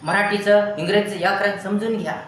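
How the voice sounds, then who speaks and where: A man's voice: high-pitched, steady tone, brisk, fairly bright tone, slight background noise. A man teaching, giving students an earnest motivational talk in long repeated lists of advice. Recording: very echoey room with faint ambience.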